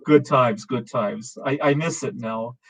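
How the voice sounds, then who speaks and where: A man's voice: medium pitch, rough recording. A man in his forties hosting a casual open-camera chat, rambling with many fillers and restarts. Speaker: show host.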